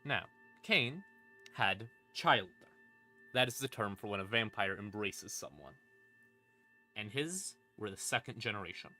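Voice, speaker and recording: Over creepy ambient music, a man explains lore as a streamer in an unhurried, sing-song delivery with frequent pauses. His voice sits on the low side with a sharp edge, and he stays irreverent and sweary, full of wry asides.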